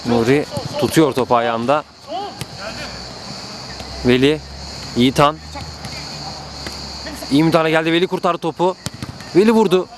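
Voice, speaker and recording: A man doing live play-by-play football commentary, excitable, with calls that rise to drawn-out screams at goals. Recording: noisy outdoor pitch, background ambience.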